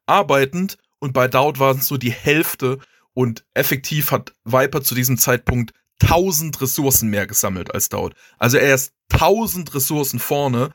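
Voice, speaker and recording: A man's voice: mid-range voice, animated, normal speed, fairly bright tone, no echo, studio quality. A man, casually explaining video game strategy, thinking aloud with restarts and chuckles. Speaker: guest strategy player.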